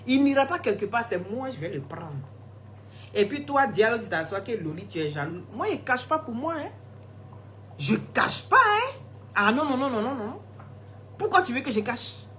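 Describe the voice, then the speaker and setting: A hoarse woman, scolding and gossiping in a casual live stream, laughing often. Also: on the high side, slight background noise. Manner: animated, scolding, laughs a lot. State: hoarse, sore throat.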